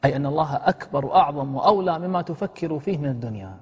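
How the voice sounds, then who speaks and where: A man's voice: a little high, animated, rapid-fire, slightly rough, in a large hall. A man giving a religious lesson on prayer. He poses rhetorical questions and demonstrates the phrases he teaches.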